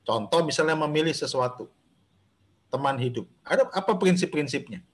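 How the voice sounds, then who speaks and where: A pastor teaches a Bible study over a video call, speaking directly to the group in a slightly high voice. He talks loosely and conversationally, with fillers and restarts. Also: lively intonation, moderate pace. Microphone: video call microphone.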